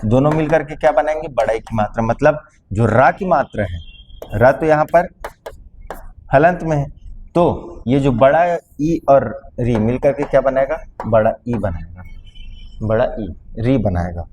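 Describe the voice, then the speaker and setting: A man's voice: mid-range voice, unhurried, darkish tone, a little hiss or hum. Man teaching grammar, patient and repetitive. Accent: Chhattisgarh Hindi. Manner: addresses students fondly, asks for understanding often. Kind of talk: classroom lecture on grammar.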